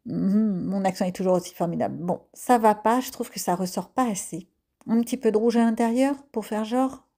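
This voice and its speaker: Mellow-voiced woman chatting through her coloring. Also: mid-range voice, fairly quick. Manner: chatty and self-mocking, with many hesitant fillers. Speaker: art vlogger. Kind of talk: casual voice-over of a coloring session.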